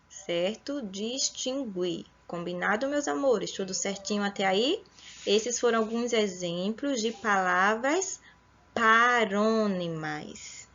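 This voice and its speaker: A woman teaching a school lesson at a deliberately slow pace, her voice sitting a bit high. She explains each word carefully and checks in warmly with her pupils. The recording sounds dull and lo-fi.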